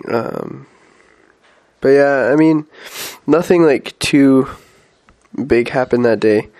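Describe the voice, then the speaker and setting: Taking it slowly, a young man on a mission uses a darkish, mid-range voice to talk casually about his week in a vlog update. A head cold has him congested, and he leans on fillers and restarts.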